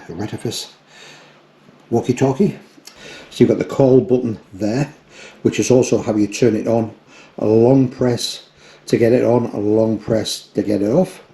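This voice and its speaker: This outdoor gear reviewer, a man in his fifties, has a mellow, husky voice of medium pitch. He reviews a product for the camera in a casual, plain-spoken way, walking through each step, both on a forest trail outside and in a small room indoors.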